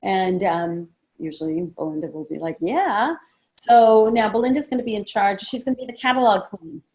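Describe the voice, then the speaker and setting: A woman running a sales training session, casual and chatty, acting out guest conversations in a livelier voice. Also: a little fast. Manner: acts out guest chats in a lively higher voice; casual, chatty, many fillers. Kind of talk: training talk to a small group.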